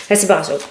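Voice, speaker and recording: A woman doing a casual, rambling tarot reading who laughs often and speaks with a regional French accent. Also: background noise. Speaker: tarot card reader. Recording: echoey room.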